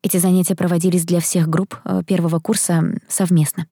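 Mellow-voiced woman narrating an audiobook. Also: on the low side, flat delivery, a little fast, husky, no echo, clean studio sound. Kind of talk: first-person audiobook narration.

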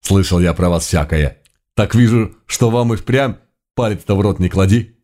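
A man's voice: low voice, moderate pace, darkish tone, lightly acted. A man voicing a shrewd, commanding middle-aged governor, speaking in old-fashioned courtly phrases with a dialect touch. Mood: courteous.

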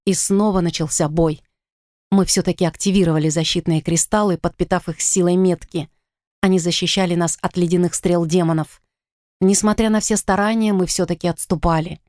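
A woman narrating a first-person fantasy audiobook in an expressive, dramatic reading. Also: on the low side, brisk, no room sound, studio quality.

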